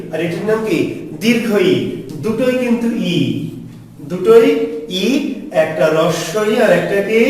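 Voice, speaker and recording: A man's voice: sits high, darkish tone. A male teacher giving a pronunciation lesson. He asks questions and answers them himself, and keeps checking with the class. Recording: echoey room heard from a distance, faint background noise.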